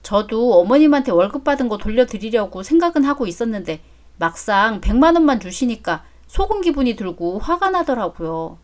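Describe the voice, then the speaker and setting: A woman voicing a polite young daughter-in-law who speaks softly and respectfully in a story drama. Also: on the high side, sing-song, brisk. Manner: polite, soft-spoken. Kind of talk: story drama read aloud.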